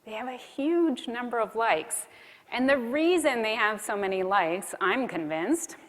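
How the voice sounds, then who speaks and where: Speaking a little high, expressive and unhurried, a woman delivers a chatty keynote on content marketing, asking the crowd questions as she goes. The large conference hall gives the recording a long reverb.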